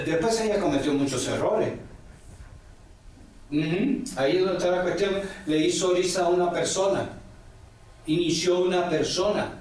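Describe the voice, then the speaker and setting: Answering interview questions, a man in his forties who is a religious elder rambles through long stories heavy with quoted talk and "ujú" fillers. His voice has a fairly high pitch and darkish tone, captured from a distance, slightly off-mic, in an echoey room with faint background.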